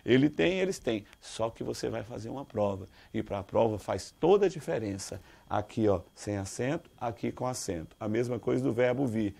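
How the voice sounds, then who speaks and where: A Brazilian man teaching Portuguese grammar for an exam, lively, quizzing his students with questions and calling them dear. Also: mid-range voice, normal speed, creaky, hardly any pauses. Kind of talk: exam-prep grammar lesson.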